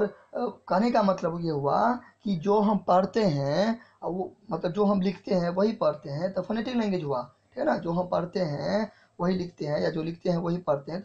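Gravelly-voiced Hindi English teacher dictating notes. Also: male voice, sits high, a little mellow. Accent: Indian English. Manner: repeats key phrases slowly as if dictating, asks "clear?" often. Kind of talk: classroom lecture in Hindi. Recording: dull lo-fi sound.

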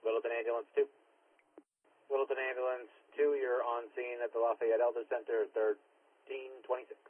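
A male fire and ambulance dispatcher with a mid-range voice and little pitch movement speaks at normal speed over a two-way radio. His calls are clipped and procedural, repeating units and times. The audio from his dispatch radio mic is narrow and tinny like a scanner, with a noisy background.

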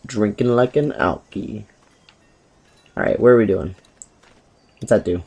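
A young man chatting excitedly over a game he is playing, rambling with filler words and sudden jumps in pitch. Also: unhurried, creaky, slightly rough. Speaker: gameplay commentator. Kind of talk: casual let's-play commentary.

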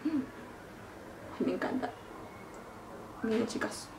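A middle-aged woman vlogger demonstrating makeup in a casual, excited, gushing way, full of fond little diminutives. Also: mid-range voice, moderate pace, noisy background. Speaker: beauty vlogger. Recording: echoey room.

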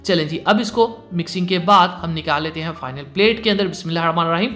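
A man's voice: a little high, fast talker, fairly bright tone, faint music behind. A man hosting a cooking tutorial in voice-over, with instructive delivery that keeps repeating warnings. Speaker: cooking channel host.

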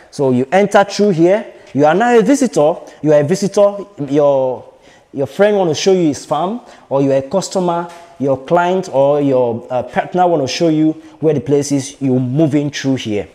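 A man's voice: on the high side, normal speed, dark tone. Nigerian-born man touring a concrete fish farm. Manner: hesitant, repeats phrases, many fillers. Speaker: fish farm consultant giving a site tour. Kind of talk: walking video tour. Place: large concrete fish farm buildings, partly open-air. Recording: long reverb in bare concrete halls.

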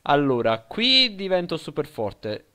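A young Italian man commentates his own live game, swinging between low mumbling over the controls and loud, high-pitched yells in every firefight. His lively voice is smooth and clear, and his unhurried pace speeds up only in bursts of excitement. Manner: excitable, shouting during fights, mutters setup aloud. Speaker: gaming streamer.

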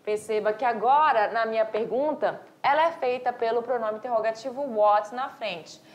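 A woman from Brazil teaching an English class, explaining step by step with rhetorical questions and reading examples slowly. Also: on the high side, highs cut off. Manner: asks rhetorical questions and answers them. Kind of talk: recorded online class for high school.

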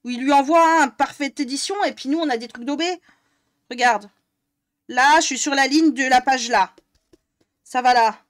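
A woman's voice: high-pitched, normal speed, long pauses, dry recording, studio quality. A young woman from northern France, live-streaming and chatting with viewers, exasperated and swearing often. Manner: exasperated, swears a lot, talks to chat. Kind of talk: live-stream chat while coloring.

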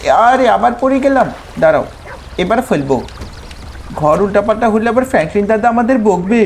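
A man's voice: high voice, brisk, slight background noise. A man doing a cheeky little cartoon boy, Shinchan. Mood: mischievous. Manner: childish, excitable, calls out repeatedly. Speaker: gameplay creator. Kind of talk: playful in-game role-play commentary.

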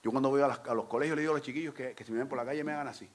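A man's voice: medium pitch, fairly even intonation, very fast. A middle-aged man, explaining improvised verse to an audience in a chatty, joking way, step by step. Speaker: workshop teacher of improvised verse. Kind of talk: lively talk to a live audience.

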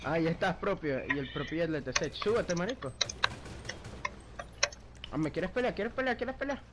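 A man's voice: fairly high pitch, animated, normal speed, very noisy. A man with a Venezuelan accent giving casual gameplay commentary with a friend, laughing often and swearing casually. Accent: Venezuelan Spanish. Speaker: gaming video creator.

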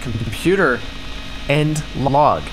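In an ASMR roleplay, a man voices a prickly, sarcastic starship crewman with quick-tempered exasperation. His medium-pitched delivery is animated, and the background is noisy.

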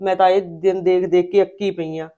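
A woman's voice: on the low side, flat delivery, fast, mellow, lightly acted. A woman playing a tired, fed-up wife and mother who complains and scolds. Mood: weary. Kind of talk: village short-film acting.

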